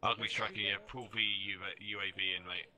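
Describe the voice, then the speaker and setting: A man's voice: fairly low pitch, steady tone, brisk, a crowd in the background. A man talking casually as a squad leader in a military game, matey and sweary.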